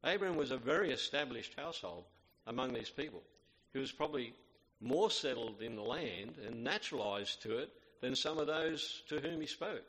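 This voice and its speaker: A man preaches a sermon, reading scripture aloud in a measured, reverent way. His voice sits at a middle pitch. It rings out with the long reverb of a big hall. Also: lively intonation, fairly bright tone, husky. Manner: measured, reverent, with fillers and restarts.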